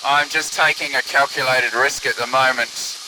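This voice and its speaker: A man's voice: medium pitch, normal speed. A man piloting a microlight gives casual, musing running commentary through a pilot's headset, as if over the radio. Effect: pilot's headset or radio sound. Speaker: microlight pilot filming own flight. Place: open microlight aircraft in flight. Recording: steady aircraft engine and wind hiss.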